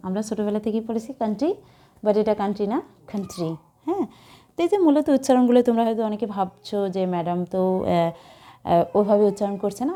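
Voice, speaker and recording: Woman, English teacher, warm mellow voice, patient classroom explaining, spells words aloud. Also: mid-range voice. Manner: explains patiently, spells words out letter by letter, checks understanding with "hyan?".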